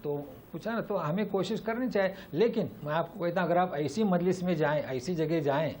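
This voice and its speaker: A man's voice: a little high, darkish tone. A male Islamic teacher giving a Quran lesson and answering questions. He talks with emphasis and keeps repeating rhetorical questions to drive his point home.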